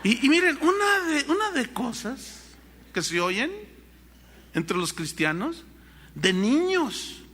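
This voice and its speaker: A man's voice: extremely high pitch, sing-song, slow, pauses often, bright, forceful tone, breathy edge. A man with a Mexican accent preaching a sermon as pastor, talking emphatically and acting out the voices he quotes.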